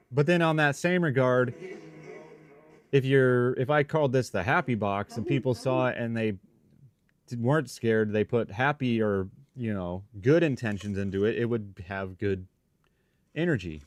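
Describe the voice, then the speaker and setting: A man with a mid-pitched voice chats casually as he hosts a livestream. He rambles informally, thinking out loud and breaking his sentences into short pieces. The sound is dry, with very little room in it. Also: dry recording. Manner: informal, rambling, thinking aloud in broken phrases. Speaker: livestream host, paranormal investigator. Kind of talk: casual live-stream chat with viewers. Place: shop.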